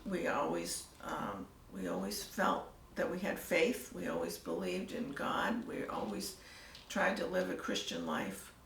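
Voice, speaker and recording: An older woman telling her story in a casual interview, soft-spoken and trailing off into near-whispers. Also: low voice, sing-song, measured pace, vocal fry, hardly any pauses, a little hiss or hum. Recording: echoey room, mic at a distance, faint ambience.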